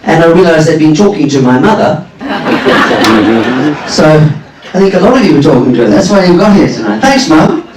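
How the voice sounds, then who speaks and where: An older Zimbabwean man, a cruise director and musician, jokes with a lounge audience between songs on a ship's stage, making self-deprecating quips. His fairly high voice is very animated at a normal pace over a noisy crowd. The recording is roomy and taken from a distance.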